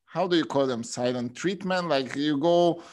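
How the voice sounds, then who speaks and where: A man's voice: on the high side, moderate pace, a little mellow. Hesitant man tagging "no?" onto statements. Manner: hesitant, ends statements with a questioning "no?". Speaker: podcast co-host. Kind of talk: casual podcast chat.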